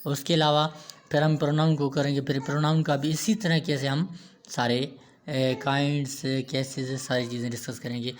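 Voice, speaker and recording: A man's voice: mid-range voice, little pitch movement, normal speed. A man giving a grammar lecture, repeating himself and answering his own questions as he goes. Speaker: teacher.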